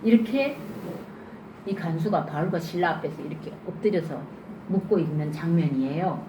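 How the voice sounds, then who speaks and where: 질문 많이 던지는 여자 주일학교 설교, 잔잔한 잡음, 울림 있음. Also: female voice, lowish voice, moderate pace. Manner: lively questioning, acts out scenes. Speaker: children's sermon teacher. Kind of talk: interactive Bible sermon for children. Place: church. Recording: echoey church room, faint noise.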